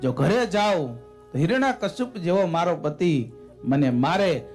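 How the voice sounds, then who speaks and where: A distressed village woman devotee pleads tearfully in a raised, high voice, put on by a male storyteller. Her words come out urgent and full of longing. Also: lively intonation, unhurried, a little mellow, soft background music. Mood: pleading.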